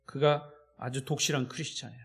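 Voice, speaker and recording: A male pastor preaching a sermon in a church. He swings between loud, emphatic declarations and hushed storytelling. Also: mid-range voice, level tone, fast, creaky.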